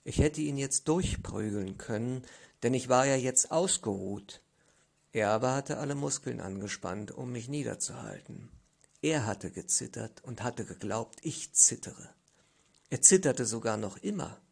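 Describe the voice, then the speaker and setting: Guy reading a story out loud, gravelly and kinda husky, takes his time. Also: medium pitch, lively intonation, a little slow. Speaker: audiobook narrator. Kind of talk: literary first-person reading.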